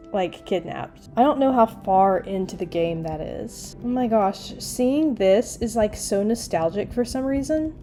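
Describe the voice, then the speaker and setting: A young woman giving casual, chatty gameplay commentary, full of "like" and quick asides. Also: medium pitch, warm tone. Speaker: gaming YouTuber.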